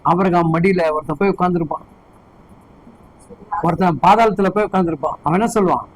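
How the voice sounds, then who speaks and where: Man preaching in church, pretty high voice, keeps throwing questions at the crowd. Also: quick pace, low-quality recording. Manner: fervent preaching with repeated rhetorical questions to the congregation. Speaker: pastor. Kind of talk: sermon.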